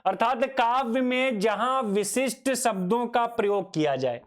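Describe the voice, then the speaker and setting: A man's voice: very high voice, expressive, unhurried. A man teaching a grammar lesson, asking himself questions, repeating each definition and calling his students "child". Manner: addresses students fondly as child. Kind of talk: Hindi grammar lecture.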